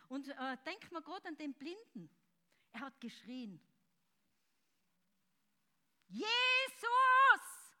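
Fervent high-voiced woman preaching. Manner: fervent, swings between loud shouts and soft intimate speech. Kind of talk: charismatic sermon.

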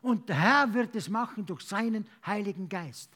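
A man preaching and praying as in a sermon, urging emphatically with repeated phrases and halting at times to search for words. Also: high voice, expressive, pushed and bright. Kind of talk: sermon with altar call and prayer.

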